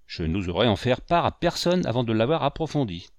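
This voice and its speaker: A man's voice: mid-range voice, big pitch swings, brisk, no echo. A man voicing a tense young schoolmaster in an audiobook, polite and guarded. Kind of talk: audiobook character voice.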